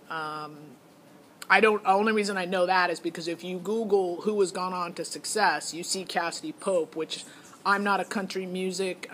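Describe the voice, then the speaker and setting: A middle-aged mother vlogs a review of a singing show audition, rambling casually and thinking aloud in a hesitant, matter-of-fact way. Her voice is fairly low and fairly bright, with a little hiss or hum in the audio.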